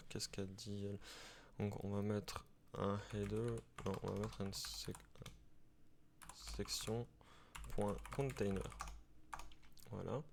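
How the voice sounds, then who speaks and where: A man teaching web development over a screen recording, talking in a halting way with many fillers and restarts. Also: fairly low pitch, gravelly, slight background noise. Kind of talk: screen-recorded coding tutorial.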